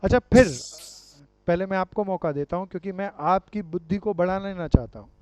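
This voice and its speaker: A man's voice: high voice, fast, darkish tone, smooth, dry recording. A man teaching a commerce class, quizzing his students and calling them dear friends and brother. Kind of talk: classroom lecture with questions to students. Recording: dull lo-fi sound.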